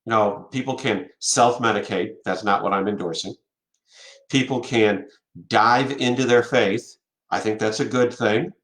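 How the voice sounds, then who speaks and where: A middle-aged man hosting a solo live video talk on leadership, speaking slowly and repeating a catchphrase with weight. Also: lowish voice, a bit bright. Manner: slow, repetitive, dwelling on a catchphrase. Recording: echoey room.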